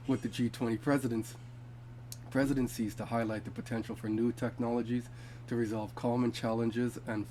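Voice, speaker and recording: At home, a man with a warm, medium-pitched voice hosts a casual crypto video, sounding congested from being sick. He reads from web pages with fillers and restarts, and there's a little hiss or hum in the audio.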